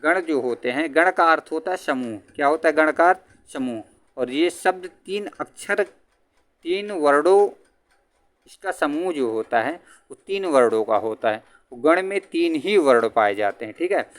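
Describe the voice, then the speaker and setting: A man teaches an exam-prep grammar lesson in a voice pitched a little high. He keeps asking his students questions and then answers them himself. When he quotes verse, he slows down and chants the lines. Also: expressive.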